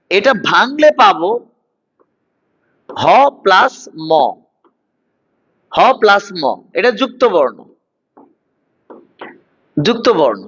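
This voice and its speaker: A man's voice: high-pitched, pushed and bright. A man in his thirties teaching an online class, repeating words and coaxing his students along. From Bangladesh. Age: 30s. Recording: dull lo-fi online class audio.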